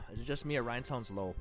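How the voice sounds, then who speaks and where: A man's voice: mid-range voice, moderate pace, a bit bright, faint music behind. A young man streaming from home, chatting casually and self-deprecatingly into a close mic, laughing often. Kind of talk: casual chat. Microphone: close desk mic.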